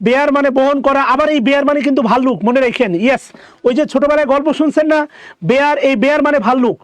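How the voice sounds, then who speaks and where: A man teaching a grammar lesson, explaining answers and repeating each word slowly for his students. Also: very high-pitched, fairly even intonation, no echo.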